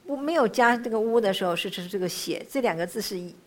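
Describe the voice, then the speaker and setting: Woman, pronunciation teacher; slow syllable-by-syllable drilling, patient repetition, brisk asides. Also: mid-range voice, animated. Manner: slowly drills syllables one by one, then explains briskly; patient, repeats sounds many times. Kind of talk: pronunciation lesson.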